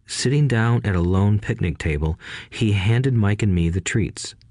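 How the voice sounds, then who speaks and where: A man reads an audiobook in a steady, measured way. His voice sits on the low side. The recording is close and dry, with no room around it. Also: dry recording. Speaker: narrator. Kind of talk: audiobook narration.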